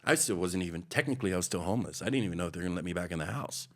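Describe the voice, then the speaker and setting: This podcast guest is a middle-aged man from Hawaii with a low, expressive, slightly bright voice. Sharing something personal, he pauses, reflects, and restarts again and again.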